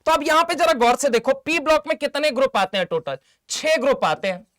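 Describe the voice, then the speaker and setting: A chemistry teacher from India giving an online exam-prep lecture. He keeps quizzing his students, calls them 'beta' and 'mere laal', and chants memory tricks slowly. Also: very high-pitched, expressive, a bit bright.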